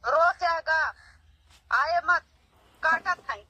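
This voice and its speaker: A middle-aged woman with a Bhojpuri accent, a mother, argues on a phone call, scolding and dismissively brushing off the other person. Her voice is very high and sharp in tone, she draws out her words, and there is no echo.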